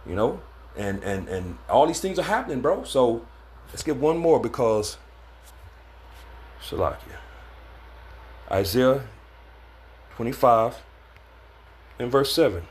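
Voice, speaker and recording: A man's voice: medium pitch, very animated, slow, long pauses. A man giving an informal scripture lesson in a laid-back way, stumbling often and filling gaps with "man" and "uh". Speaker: religious teacher.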